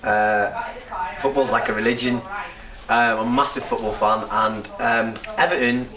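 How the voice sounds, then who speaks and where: A man's voice: mid-range voice, steady tone, moderate pace. A young man with a North Wales accent, chatting casually and rambling in an interview, laughing often. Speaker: upcoming rapper. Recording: echoey room from a distance with crowd noise.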